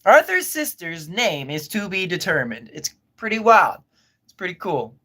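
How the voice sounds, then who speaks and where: Bright-voiced man chatting on a livestream. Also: sits high, very animated, moderate pace. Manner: rambling, laid-back, chuckles and trails off. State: eating while talking. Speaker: livestream host. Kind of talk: casual chat reading viewer comments.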